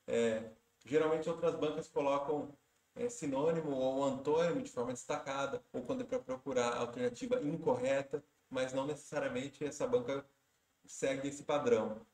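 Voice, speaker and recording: A man's voice: medium pitch, steady tone, moderate pace, darkish tone, reverberant. A man with a Brazilian Portuguese accent teaching exam preparation, explaining each question step by step with tips. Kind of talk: walking through exam questions.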